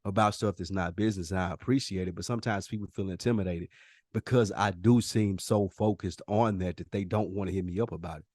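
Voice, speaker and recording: An American man co-hosts a podcast, talking fast in a low, darkish voice. His casual talk is earnest, emphatic and slangy, and he often repeats himself for emphasis. The sound is studio quality with no echo.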